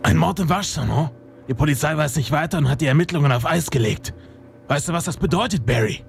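A man's voice: on the high side, expressive, fast talker, gravelly, over music. A man playing a self-important, theatrical private detective in a noir-style audio drama. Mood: indignant, eager.

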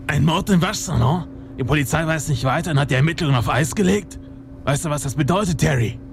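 A man's voice: on the high side, fast talker, gravelly, slight background noise. A man playing a self-important, theatrical private detective in a noir-style audio drama. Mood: solemn, pompous.

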